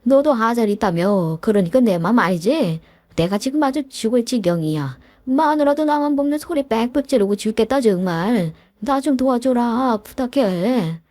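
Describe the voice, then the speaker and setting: A woman's voice: on the high side, animated, normal speed, darkish tone, no echo, pitched above the performer's own voice. A woman voicing a desperate, groveling middle-aged man who once bullied his classmate, pleading and whiny with many fillers. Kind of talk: story narration with acted dialogue.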